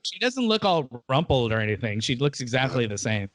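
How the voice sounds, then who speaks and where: Lively joking man, dry close sound. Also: mid-range voice, fairly quick, no room sound. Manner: joking, slips into mock voices. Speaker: podcast co-host. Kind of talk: casual chat.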